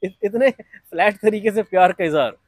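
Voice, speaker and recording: Man, mimicry artist, chatty interview talk, fairly high voice, dry close sound. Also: normal speed, no echo. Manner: breaks into film dialogue impressions mid-talk. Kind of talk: chatty interview with film-star impressions.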